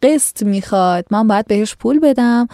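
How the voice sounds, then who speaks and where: A woman's voice: fairly high pitch, lively intonation, mellow, no room sound, clean studio sound. A woman voicing a worried male cloth merchant who pleads and explains his need for cash. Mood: pleading.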